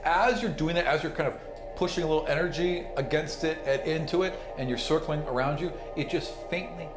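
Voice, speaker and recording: Acting as game master for a tabletop role-playing podcast, a man improvises chatty narration in a brisk, rather high voice. The room echoes noticeably, and background music plays beneath him.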